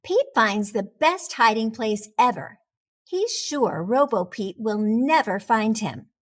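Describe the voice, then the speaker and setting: Reading to young listeners, a woman with a fairly high-pitched voice tells a picture-book story in a measured, expressive way.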